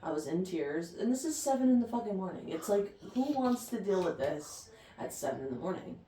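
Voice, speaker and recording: A woman's voice: mid-range voice, big pitch swings, a little fast, dark tone. A young woman co-hosting a casual podcast, telling stories expressively and swearing freely. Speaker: podcast co-host. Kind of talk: casual chat, animated storytelling. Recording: echoey room, distant mic, faint hiss.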